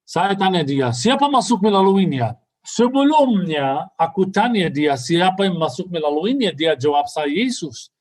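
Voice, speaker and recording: Guy preaching on a video call, lively, acts out the voices, bit high pitched. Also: a little slow, few pauses. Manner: animated, acts out dialogue, mixes in English phrases. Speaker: guest speaker and tour guide. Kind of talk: sermon storytelling. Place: online meeting.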